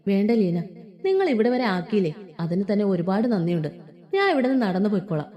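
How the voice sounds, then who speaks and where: A woman's voice: medium pitch, big pitch swings, mellow, natural voice. A woman voicing a frightened, betrayed young woman who stammers and holds back tears. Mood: timid. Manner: halting, stammering speech.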